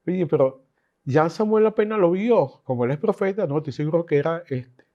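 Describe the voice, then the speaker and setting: A man teaches a Bible class in a lively, conversational manner, full of asides. His voice sits fairly high for a man. The recording sounds dull and lo-fi. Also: normal speed. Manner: animated, chatty teaching with asides and laughs.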